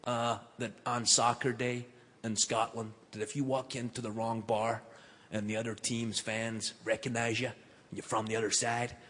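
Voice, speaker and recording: A man's voice: mid-range voice, level tone, moderate pace, fairly bright tone, pitched below the performer's own voice, close to an everyday voice. A man voicing a chatty, curious young American male shop assistant asking earnest questions, recorded live in a theatre hall.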